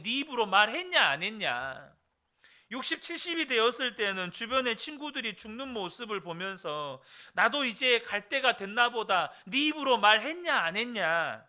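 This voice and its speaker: A man's voice: high-pitched, bright, forceful tone, exaggerated voice. A man voicing God as a stern elder who scolds a complaining man with rhetorical questions, in a retold folk tale.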